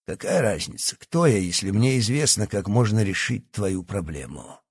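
Playing a sinister audiobook character, a man gives voice to a sly, condescending doctor over 60 who is really a villainous professor in disguise. He speaks on the low side at a normal speed, expressive and slightly rough, with studio-quality sound and no room echo.

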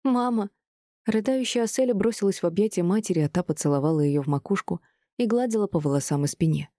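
A woman reading a novel aloud in an expressive audiobook narration. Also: lowish voice, fast talker, no room sound, clean studio sound. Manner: expressive, even storytelling.

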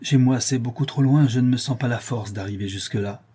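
Man voicing an injured man, weak, pleading, stammering, dark husky tone. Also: medium pitch, brisk. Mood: pained.

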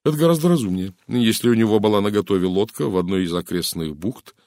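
A man voicing a methodical middle-aged police chief in an audiobook, speaking in a measured, authoritative way. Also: fairly low pitch, darkish tone, no room sound, clean studio sound, lightly acted. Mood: reasoning. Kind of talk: audiobook character reading.

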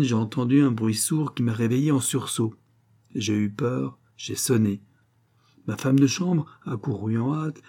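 A man's voice: mid-range voice, dark tone, natural voice. A man voicing a grieving noble mother, a marquise, who pleads with emotion, rising to cries.

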